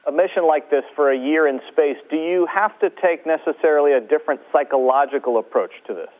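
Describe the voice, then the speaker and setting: A man's voice: a little high, brisk. A man working as a TV reporter, asking friendly, plain questions over a space-to-ground radio link. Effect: radio link audio. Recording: tinny phone-like radio link.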